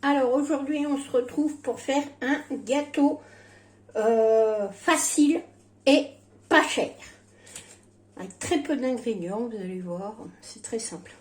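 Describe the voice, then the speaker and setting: A woman's voice: on the high side, slow, darkish tone, reverberant. A woman with slurred, toothless articulation from missing dentures, chatting casually and hesitantly through a home cooking demonstration, often breaking off mid-sentence. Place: at home in a kitchen.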